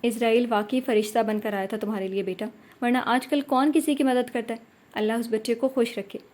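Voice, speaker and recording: A tender older mother figure from an audio novel, soothing and affectionate , as a woman narrator voices her. The voice sits a little high and mellow. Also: fairly even intonation, close to an everyday voice.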